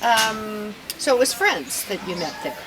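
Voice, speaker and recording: A woman's voice: mid-range voice, big pitch swings, unhurried. A woman in her sixties conducting a conversational oral history interview. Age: 60s. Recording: noisy recording with ambient sound.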